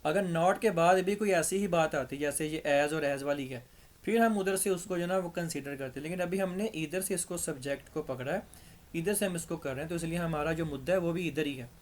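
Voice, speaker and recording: Pakistani man teaching grammar, fairly high. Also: fairly quick. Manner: patient, step-by-step explaining, repeats examples. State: dry throat. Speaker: English teacher. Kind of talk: grammar lesson.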